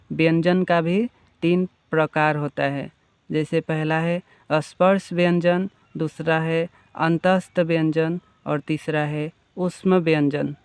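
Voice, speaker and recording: A man teaching Hindi grammar in a slow, explanatory lesson, defining each term and then restating it. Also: fairly high pitch, smooth, no echo.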